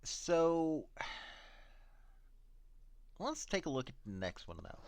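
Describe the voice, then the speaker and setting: A man's voice: fairly high pitch, sing-song, takes it slowly, a little mellow, no room sound. A man giving blunt, opinionated commentary, reading parts of official reports aloud and adding casual, sarcastic asides. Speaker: commentator on prison investigations.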